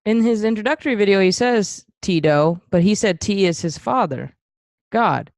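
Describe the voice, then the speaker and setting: A woman's voice: medium pitch, lively intonation, normal speed, darkish tone, no room sound. A young woman co-hosting a podcast, chatting casually with teasing, sarcastic quips. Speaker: podcast co-host.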